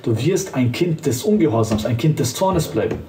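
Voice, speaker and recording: A man's voice: mid-range voice, lively intonation, normal speed, background noise. A man preaching as an evangelist, fervent and emphatic, speaking directly to the listener. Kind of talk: street-style preaching to camera. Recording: roomy sound, voice from a distance.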